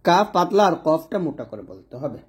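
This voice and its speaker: A man teaching Quran pronunciation letter by letter in an online lesson, breaking off now and then to chant examples slowly and checking in with his students. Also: fairly high pitch, big pitch swings. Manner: checks in with "ঠিক আছে?".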